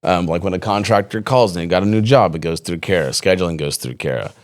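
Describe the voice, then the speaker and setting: A man with a low, fast voice hosts a podcast interview, speaking casually and rambling with many fillers and restarts.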